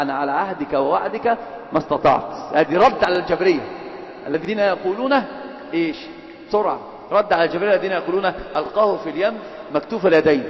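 A man giving an Islamic lesson, moving between classical Arabic and colloquial speech as he quizzes and teases dozing students. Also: on the high side. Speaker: religious teacher. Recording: echoey lecture hall, dull lo-fi.

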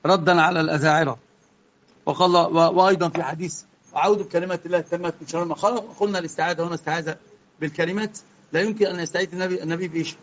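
A man with an Egyptian Arabic accent giving a religious lesson, moving between calm explanation and heated rebuke. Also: on the high side, racing, muffled recording. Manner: impassioned, swings from quiet explaining to heated rebuke. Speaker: religious teacher.

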